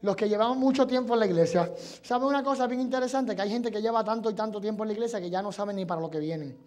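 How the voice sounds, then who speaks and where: A male evangelist preaching an impassioned sermon at a church service, switching between Spanish and English and building from quiet talk to fervent shouting. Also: high voice, rapid-fire.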